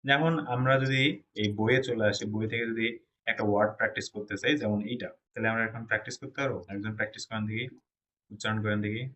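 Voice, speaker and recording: In a classroom lesson on Chinese pronunciation, a Bangladeshi man talks quickly in a lowish, steady, slightly bright voice. He walks students through each step and frequently makes sure they keep up.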